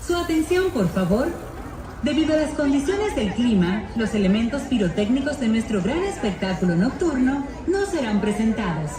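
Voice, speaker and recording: A woman's formal park announcement carries from a distant loudspeaker, her pitch rising and falling in a lively way. It echoes across an open space over the loud noise of a large crowd. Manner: formal, measured, courteous. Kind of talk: prerecorded public address announcement. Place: outdoor theme park crowd.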